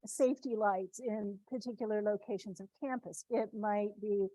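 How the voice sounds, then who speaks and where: A Midwestern woman gives students an informal, conversational talk, restarting often and leaning on tag questions. Her warm, medium-pitched voice stays steady at a moderate pace, captured in a rough recording with no room sound.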